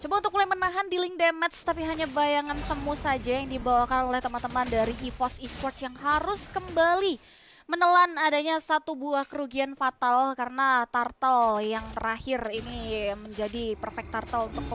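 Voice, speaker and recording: A woman's voice: high-pitched, steady tone, normal speed. An Indonesian-accented woman giving live esports commentary in wordy, formal play-by-play phrasing. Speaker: esports shoutcaster.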